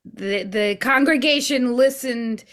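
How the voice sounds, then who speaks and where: A young woman co-hosting a podcast, speaking at an unhurried pace in a slightly high voice. She teases the others with good humor. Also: a bit bright. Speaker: co-host. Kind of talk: casual chat.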